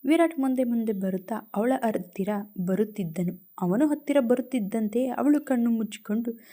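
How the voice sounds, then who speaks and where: A woman's voice: on the high side, normal speed, warm tone. Woman narrating a dramatic audio story.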